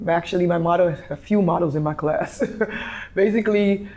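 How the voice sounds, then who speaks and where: A woman's voice: lowish voice, normal speed, dark tone. A woman from Guyana who is a fitness instructor, speaking as a guest in a casual interview with restarts.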